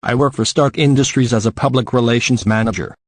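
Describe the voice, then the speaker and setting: A man reading the part of a cool, guarded young female spy in a deadpan tone. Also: medium pitch, a little fast, no echo, natural voice.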